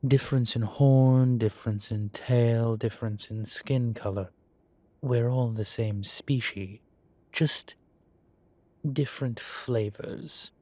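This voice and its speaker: With no room sound, a man speaks in a mid-range voice with fairly even intonation, portraying a proud, droll demon professor who has lived for centuries. He takes his time, lecturing a student gently and genteelly in a patient, one-sided scripted roleplay.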